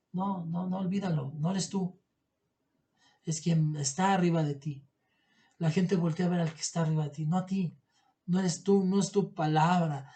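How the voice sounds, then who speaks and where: A man reading scripture and preaching in an earnest, halting way with many restarts. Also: high-pitched, a little mellow. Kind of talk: Bible reading and sermon commentary.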